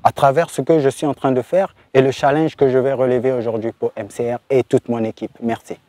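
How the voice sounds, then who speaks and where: Mellow-voiced man, earnest and reflective. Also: medium pitch, fairly even intonation, dry recording. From Republic of the Congo. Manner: earnest, reflective, quiet and deliberate. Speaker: music artist in a challenge. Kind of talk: casual interview statement.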